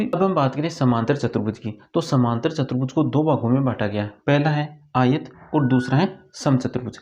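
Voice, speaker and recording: A man's voice: mid-range voice, darkish tone. A man teaching a school math lesson in Hindi, asking questions and then answering them himself. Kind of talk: classroom lesson explanation. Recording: dull lo-fi recording.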